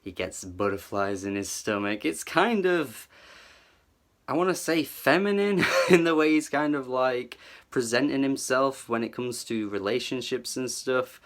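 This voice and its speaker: A man's voice: mid-range voice, lively intonation, measured pace. A man giving a casual, enthusiastic album review, full of "like" and "kind of" as he talks it through. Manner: chatty, filler-heavy, hedging with "like" and "kind of". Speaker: music reviewer.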